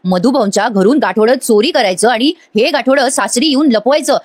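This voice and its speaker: A woman's voice: on the high side, brisk, dry recording. A woman reviewing a TV serial episode, chatty and addressing her viewers directly. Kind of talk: rapid episode recap.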